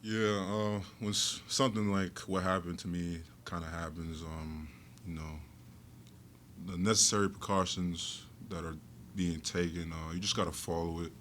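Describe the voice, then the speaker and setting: A young college basketball player answering postgame questions in a measured way, with many pauses and fillers. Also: male voice, low voice, level tone, a bit bright, a little hiss or hum. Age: young adult. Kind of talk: postgame press conference answers.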